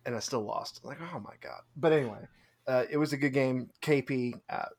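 A man's voice: mid-range voice, fairly quick, darkish tone. A man co-hosting a podcast, chatting casually and self-deprecatingly with frequent laughter. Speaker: podcast co-host. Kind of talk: casual chat recapping a tabletop tournament.

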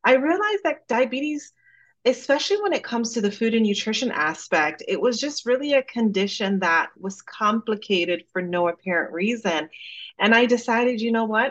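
A woman's voice: on the high side, highs cut off. Woman with a light Jamaican-American accent. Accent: slight Jamaican over American. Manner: warm, storytelling, uses fillers like "you know". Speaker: dietitian guest. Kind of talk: casual interview talk.

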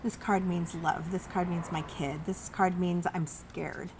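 A woman co-hosting a live podcast, gently reassuring listeners as she explains how to read cards. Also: lowish voice, steady tone, measured pace, background noise. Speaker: podcast co-host. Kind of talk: casual live podcast chat. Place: winery event space with live audience.

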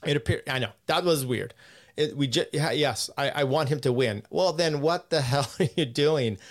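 A man's voice: fairly high pitch, normal speed. A man hosting a podcast in casual chat, rambling, swearing and laughing as he reads out news quotes. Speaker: podcast host.

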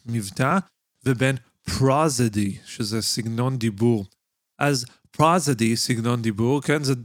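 A man's voice: mid-range voice, no room sound, studio quality. A man with an Israeli accent giving an informal explanatory lesson as a singing teacher and podcast host, often checking in with his listeners.

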